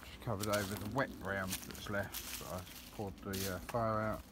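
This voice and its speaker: A fairly low male voice with little pitch movement moves at a moderate pace. He rambles chattily, saying um a lot, as he narrates a casual vlog from a woodland campsite and path, filmed on a phone at arm's length with clear background noise.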